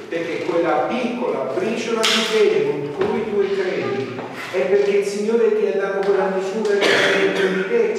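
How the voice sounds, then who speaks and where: A man preaching in a church hall, emphatic, swinging between loud and soft, often checking in with his listeners. His voice sits fairly high. It is picked up from a distance, with a long, echoing reverb and a faint hiss behind it. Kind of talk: evangelical sermon. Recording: echoey hall from far off.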